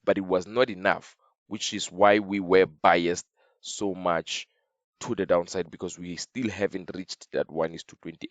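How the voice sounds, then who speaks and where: Deep-voiced guy walking thru his trades, voice a bit off, dry close mic, keeps repeating himself. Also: no room sound. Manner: repetitive, halting, talks while drawing on chart. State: slightly off voice. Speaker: trading signal educator. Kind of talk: screen-share trading lesson.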